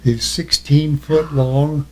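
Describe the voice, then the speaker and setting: An elderly man, a war veteran, remembering his service in an interview, halting as he recalls and answering in short, plain phrases. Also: fairly high pitch, flat delivery, low-quality recording. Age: elderly, 80s or older. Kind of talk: reminiscing in an oral history interview.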